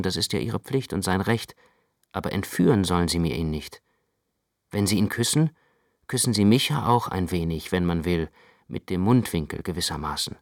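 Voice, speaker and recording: A brooding, gravelly young narrator. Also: male voice, lowish voice, no echo, clean studio sound. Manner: introspective, measured, intense. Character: brooding anxious young man narrating his night. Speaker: first-person narrator. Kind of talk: literary radio play narration.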